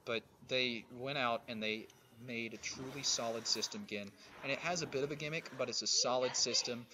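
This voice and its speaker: Bright-voiced man rambling on a game stream. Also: medium pitch, a little fast. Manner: rambling, with frequent restarts and fillers. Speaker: gaming livestream host. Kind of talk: casual chat while playing.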